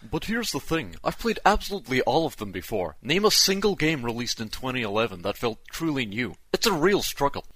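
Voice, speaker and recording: A man's voice: medium pitch, very animated, fairly quick, hardly any pauses, bright, forceful tone, dry recording, pitched above the performer's own voice, low-quality recording. A man voicing a pompous male games-website writer in an exaggerated, affected reading voice. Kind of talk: mock quotation in a podcast.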